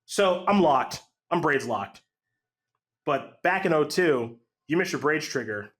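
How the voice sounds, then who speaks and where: Animated man telling a long story. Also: on the high side, a little slow. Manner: animated, acts out quotes with voice jumps. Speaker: podcast guest telling a story. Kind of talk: casual storytelling chat.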